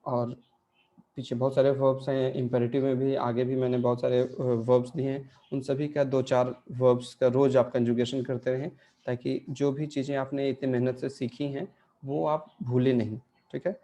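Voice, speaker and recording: A man's voice: mid-range voice, flat delivery, moderate pace, warm tone. A man teaching an online language class, explaining grammar step by step and answering his own questions.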